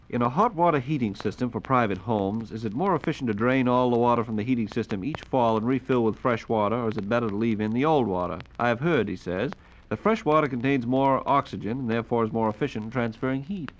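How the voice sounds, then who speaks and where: Speaking at a quick clip in a mid-range voice, this male announcer reads listener questions on a 1940s radio show with formal politeness. The studio recording is noisy and the audio dull.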